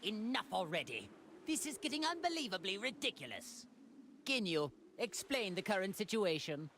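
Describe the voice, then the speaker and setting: Haughty alien tyrant, lively pitch swings. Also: male voice, moderate pace, slight background noise, heavily acted. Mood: irritated, disdainful. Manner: pompous, disdainful. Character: haughty, cruel alien tyrant with refined speech. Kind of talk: anime fighting game voice acting. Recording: music behind the voice.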